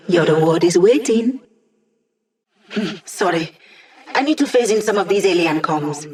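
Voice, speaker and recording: A woman's voice: mid-range voice, close to an everyday voice. An actress voicing a snarky young female hacker in a video game, talking in a casual, wry, sardonic way.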